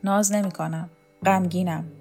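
Weary sad man, soft and resigned, near a plain reading voice, from a woman narrator. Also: lowish voice, steady tone, faint music behind, lightly acted.

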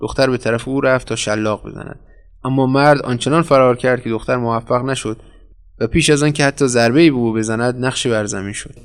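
Man narrating a dark story. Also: medium pitch. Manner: measured, dramatic storytelling. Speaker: audiobook narrator. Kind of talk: scripted narration.

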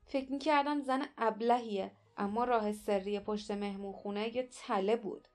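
A woman's voice: mid-range voice, fairly even intonation, a little mellow, lightly acted. A woman voicing a fierce young girl who speaks sharply and bitterly.

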